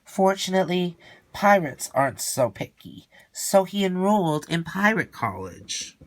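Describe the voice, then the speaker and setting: A man reads a children's storybook aloud slowly and without hurry, in a high voice. His delivery is expressive and theatrical, drawing words out for emphasis, and there's no echo.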